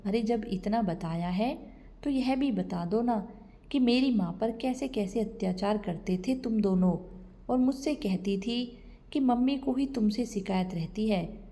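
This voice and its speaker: A woman's voice: fairly high pitch, unhurried, warm tone. A woman voicing an angry young husband who confronts his wife and mocks her, in a storybook reading. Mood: confronting. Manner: accusing, mocking.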